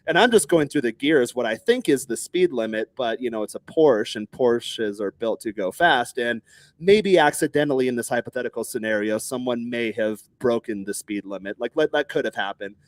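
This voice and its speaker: A man in his thirties from Texas, telling stories in a casual podcast chat, animated and swearing freely, acting out other people's lines in raised voices. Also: mid-range voice, moderate pace, no echo.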